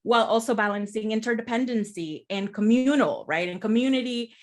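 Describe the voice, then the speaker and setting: On a casual podcast, a guest who is a therapist from El Salvador speaks fairly quickly in a voice on the high side. Her manner is reflective and explanatory, punctuated by frequent checks of "right?".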